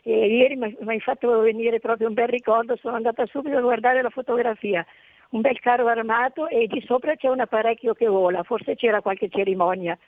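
A woman's voice: a little high, steady tone, a little fast, no echo. Older woman calling in on the phone, chatty and off topic, dry thin line. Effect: heard over a phone line. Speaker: radio caller. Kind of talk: chatty reminiscing call-in.

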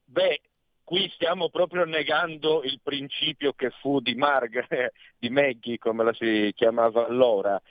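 A man speaking as a guest commentator over a phone line, arguing earnestly and pausing often with fillers. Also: medium pitch, no room sound. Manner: earnest, argumentative, pauses with many fillers. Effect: heard over a phone line. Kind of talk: radio talk interview. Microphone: telephone.

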